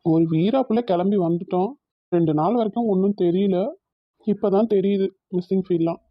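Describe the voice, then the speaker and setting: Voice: mid-range voice, brisk, no room sound, close to an everyday voice. A performer voicing a young male student in a cartoon, musing that he misses home. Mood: homesick. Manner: musing, a little homesick. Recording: dull lo-fi sound.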